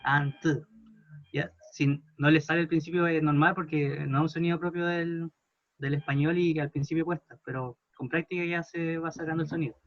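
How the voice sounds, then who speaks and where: A man teaching a language class, patiently modelling words slowly for students to repeat. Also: fairly high pitch, fairly even intonation, no room sound, muffled recording. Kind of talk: classroom pronunciation lesson.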